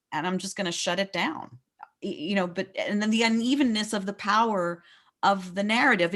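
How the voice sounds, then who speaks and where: With a somewhat low but slightly bright voice, an American woman guides a book discussion. She reflects and explains as she goes, frequently reworking her sentences partway through.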